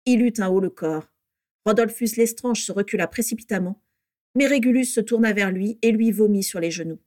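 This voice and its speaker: A woman reading a story aloud with steady, measured narration. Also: mid-range voice, no echo, studio quality.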